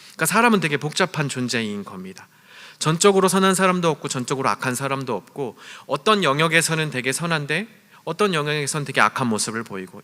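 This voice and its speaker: A man preaching a sermon to a youth group, telling stories and acting out the lines he quotes. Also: fairly high pitch. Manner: storytelling, acts out quoted lines with shouts and whispers. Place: church hall. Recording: long church hall reverb.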